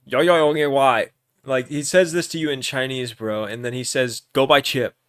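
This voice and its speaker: A young man hosting a livestream, loudly and teasingly narrating an improvised role-play game and often restarting his words. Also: mid-range voice, normal speed, clear, resonant tone, no echo, studio quality.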